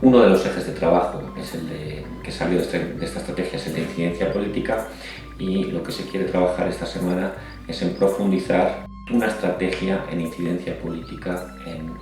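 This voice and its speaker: A man calmly explaining an upcoming regional meeting in a measured interview manner. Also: sits low. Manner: measured, explanatory, listing facts. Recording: roomy, distant mic with background music.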